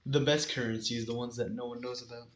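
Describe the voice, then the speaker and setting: A man's voice: medium pitch, level tone, fast talker, roomy sound, slight background noise. A teenage boy co-hosting a casual chat, playful and given to mock-indignant rants. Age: teens. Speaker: podcast co-host.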